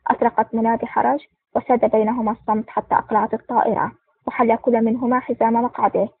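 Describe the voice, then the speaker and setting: A woman narrating an audiobook in brisk, steady scripted narration. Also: fairly high pitch, gravelly, breathy edge. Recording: tinny phone-like sound.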